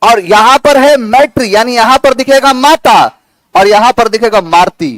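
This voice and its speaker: A man with a very high voice lectures a classroom in a chatty, coaxing way, repeating key words and spinning playful memory tricks. The sound is dry and close. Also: moderate pace, dry recording. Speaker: English teacher.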